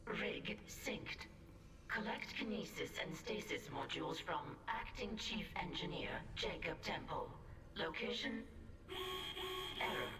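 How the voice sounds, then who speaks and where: Robotic ship computer. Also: female voice, lowish voice, a little slow, a crowd in the background. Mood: computerized. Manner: flat, formal system announcements. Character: female ship computer voice, calm, mechanical. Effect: synthetic robot-like announcement voice. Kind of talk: video game voice line.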